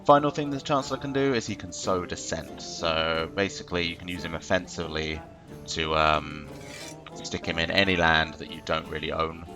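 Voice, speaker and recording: Speaking into a desk mic over music, a let's play host with a low voice walks through a gameplay tutorial at a moderate pace. His explanations are casual and meandering, full of filler words.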